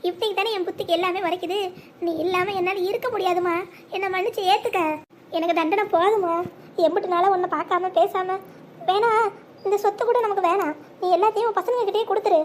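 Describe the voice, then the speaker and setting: A voice actor playing a scheming grown daughter who argues and then pleads melodramatically, in a sped-up, pitch-raised cartoon voice. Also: a little hiss or hum.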